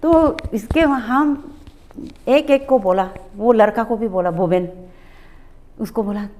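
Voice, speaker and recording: A woman's voice: on the high side, takes it slowly, a little hiss or hum. A middle-aged woman from Arunachal Pradesh, a public health nursing officer and guest, telling a story in conversational style and acting out the exchanges. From Arunachal Pradesh, India. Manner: animated, acts out quoted exchanges, mixes in English words.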